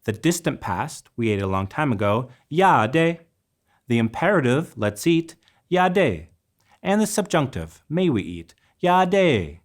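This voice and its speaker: Man, scripted lesson narration, animated pitch, measured and careful. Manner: measured, careful pronunciation of example words. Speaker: lecturer.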